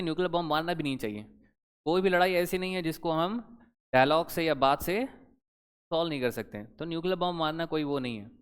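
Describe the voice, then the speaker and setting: A man's voice: a little high, fairly bright tone, smooth. Man teaching in a reverberant hall. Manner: conversational, quizzing students with rhetorical questions. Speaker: current affairs teacher. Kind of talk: exam-prep lecture.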